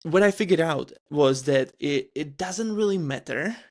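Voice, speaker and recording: A man from the Czech Republic with a Czech accent, hosting a podcast interview and asking questions in a halting way with many restarts and fillers. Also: fairly high pitch, lively intonation, darkish tone. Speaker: podcast host. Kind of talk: casual interview chat.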